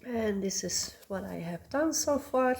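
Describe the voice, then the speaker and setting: Slow, rambling woman. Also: mid-range voice, lively intonation, vocal fry. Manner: rambling, many ums, soft asides. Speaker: cross-stitch vlogger. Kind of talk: casual show-and-tell chat.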